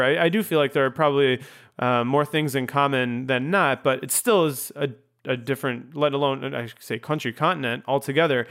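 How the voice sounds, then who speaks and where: A man hosting a podcast in a relaxed interview chat. His voice is smooth and clear at a middle pitch, and he wanders through his questions with frequent ums, uhs and self-corrections. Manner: rambling, hesitant with many ums and restarts. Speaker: podcast host.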